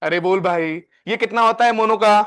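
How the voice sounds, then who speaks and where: A male physics teacher with an Indian accent, lecturing a live class and quizzing students with quick questions. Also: high voice, fairly bright tone, clean tone. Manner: dictates questions slowly, word by word.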